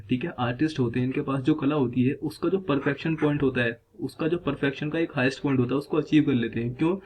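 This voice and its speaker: A man's voice: medium pitch, slightly rough, phone-quality sound. A man teaching a vocabulary lesson, explaining word by word and asking himself questions as he goes. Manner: repeats "theek hai" and asks himself questions as he explains. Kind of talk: explanatory lesson in Hindi mixed with English terms.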